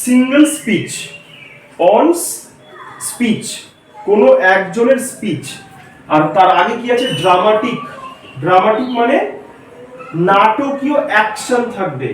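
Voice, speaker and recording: A male teacher lectures a class, explaining each point slowly and stopping to quiz his students. His voice sits high and carries a heavy room echo. He sounds some distance from the microphone. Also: animated, slight background noise. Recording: echoey room, mic far off.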